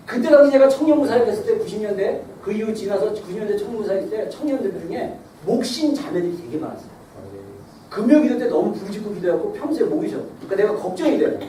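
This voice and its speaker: Middle-aged male pastor, conversational sermon delivery, big echo, distant mic, light hiss. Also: very high-pitched. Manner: lively, conversational preaching with sudden loud and soft swings. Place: church sanctuary. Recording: echoey hall, mic far off, faint hiss.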